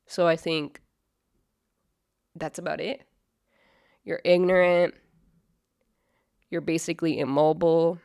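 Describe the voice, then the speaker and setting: A woman's voice: low voice, fairly even intonation, slow, vocal fry, long pauses, a little mellow, smooth. A woman hosting a reaction video, blunt and mocking in casual commentary. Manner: blunt and mocking, laughs often. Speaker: reaction channel host.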